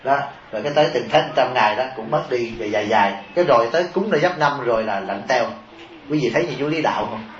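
Joking monk, echoey tape. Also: male voice, mid-range voice, expressive, fast. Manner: joking, chuckles often, rhetorical questions to the audience. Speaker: Buddhist monk teaching his followers. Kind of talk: humorous sermon. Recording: echoey, dull taped sermon recording.

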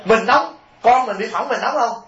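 A man, a Buddhist monk, telling stories in a lively sermon and asking his listeners questions directly. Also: very high-pitched, normal speed. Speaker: Buddhist monk giving a dharma talk. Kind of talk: storytelling sermon. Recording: roomy, dull lo-fi recording with faint hiss.

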